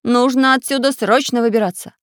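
A woman voicing a brave little iron craftsman who talks loudly and eagerly. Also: a little high, steady tone, a little fast, no echo, studio quality, voice pushed up, natural voice. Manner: loud and eager.

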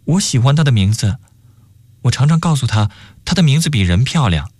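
A man's voice: medium pitch, very animated, fairly quick, a little mellow, slightly rough, no room sound, pitched above the performer's own voice. A man reading a radio story, voicing an emotional young male student in a raised, plaintive voice. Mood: light.

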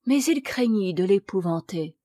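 A woman reading a classic children's story aloud in a measured storybook narration. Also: mid-range voice, expressive, mellow, dry recording. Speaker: audiobook reader.

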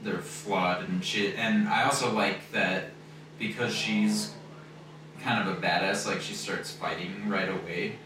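Deep-voiced man in an echoey room. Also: steady tone, unhurried. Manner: loose and rambling, heavy on fillers. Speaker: podcast co-host reviewing a film. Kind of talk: casual chat. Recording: very echoey room, distant mic, noisy.

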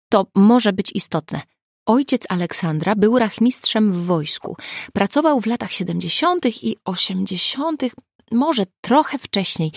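A woman reading the lines of a brisk, teasing amateur sleuth in an audiobook. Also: mid-range voice, vocal fry, darkish tone, dry recording, studio quality, pitched above the performer's own voice. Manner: brisk, matter-of-fact, teasing. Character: grown woman, sharp-witted amateur sleuth.

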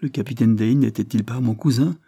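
Un homme incarne une jeune noble effrayée qui supplie et pleure, dans la lecture d'un roman. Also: male voice, mid-range voice, a little fast, creaky, dark tone, slightly rough, no echo, studio quality. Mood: distraught, pleading. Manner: tearful, trembling pleading. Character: frightened young noblewoman, tearful and pleading. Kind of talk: audiobook character reading.

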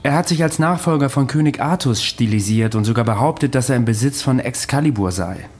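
Man acting a world-weary immortal wanderer, mid-pitched. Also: fairly quick, a little mellow, a little hiss or hum, natural voice. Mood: wry. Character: world-weary undying ancient Roman wanderer recounting his past. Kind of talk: audio drama dialogue and storytelling.

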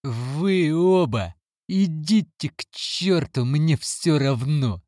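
A man reading an audiobook, voicing a hostile, defiant teenage boy who shouts. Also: medium pitch, measured pace, no room sound, studio quality, voice pushed up, close to an everyday voice. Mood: screaming. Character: angry resentful teenage boy. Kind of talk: audiobook character voice.

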